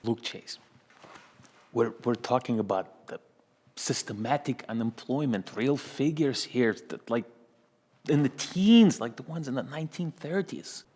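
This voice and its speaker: A man's voice: medium pitch, darkish tone, husky. A man playing a smug Russian union boss. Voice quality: broken English, halting repetitions. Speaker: union spokesman. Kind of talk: comedy sketch acting. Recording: long hall reverb.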